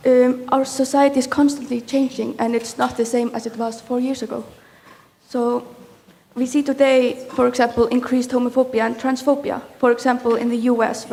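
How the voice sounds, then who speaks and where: A woman's voice: a little high, vocal fry, dark tone. A young woman from Iceland earnestly reading a prepared question at a round table, with fillers and small slips. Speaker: audience questioner. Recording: long reverb of a large hall.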